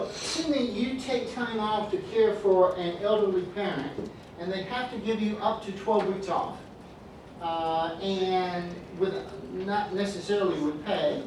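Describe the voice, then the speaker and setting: A man's voice: high voice, a little mellow, slight background noise. A man teaching a business law class, reading through points and calling on students by name with dry jokes. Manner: joking, calls on students by name. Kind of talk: classroom lecture. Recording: echoey classroom from far off.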